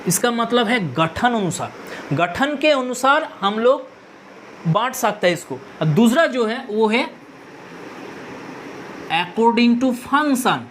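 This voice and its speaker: A woman teaching a grammar lesson, explaining each term slowly and repeating the key words. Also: fairly high pitch, expressive, a little hiss or hum. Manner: slow, deliberate, repeats key terms.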